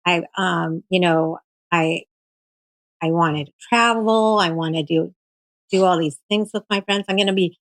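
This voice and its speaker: A woman in her forties, a guest on a live stream, telling a personal story in a halting, emotional way with many fillers and restarts. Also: lowish voice, no room sound, low-quality recording. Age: 40s.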